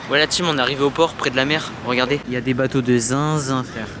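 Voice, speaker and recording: A man's voice: mid-range voice, fairly even intonation, fast, very noisy. A young man chatting casually and informally in slang as a travel vlogger. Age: young adult. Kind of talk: casual travel vlog chat. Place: mostly outdoors at a seaside city, later inside an apartment.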